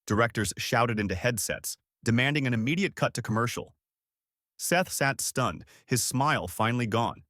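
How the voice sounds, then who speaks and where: A man's voice: mid-range voice, animated, moderate pace, fairly bright tone, dry recording, clean studio sound. A man reading a dramatic scripted story as its narrator.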